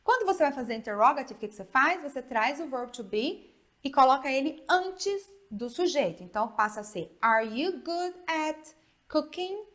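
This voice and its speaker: A woman with a Brazilian Portuguese accent teaching an online English grammar lesson, slowly modeling example phrases and checking in often with her students. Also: sits high, big pitch swings, a bit bright.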